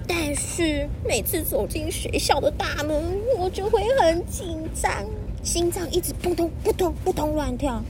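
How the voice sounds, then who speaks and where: Woman voicing an anxious, pleading little child, high-pitched. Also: noisy background. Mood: nervous. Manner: expressive, pleading storybook reading. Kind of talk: storybook read aloud.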